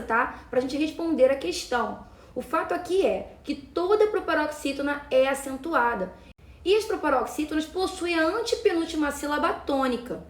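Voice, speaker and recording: A woman's voice: sits high, roomy sound. A woman from Brazil teaching Portuguese grammar for exam prep, walking through each answer option methodically and adding little check-in questions. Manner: adds tag questions "tá?" and "né".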